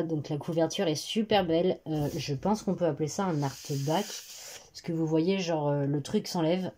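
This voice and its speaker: A woman's voice: sits low, dark tone, slight background noise. A teenage girl chatting casually about the books she plans to read, rambling and hesitant, with many fillers, recorded on a phone in her bedroom. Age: teens. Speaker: booktuber. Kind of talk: casual chat. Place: bedroom at her parents' home. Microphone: phone camera.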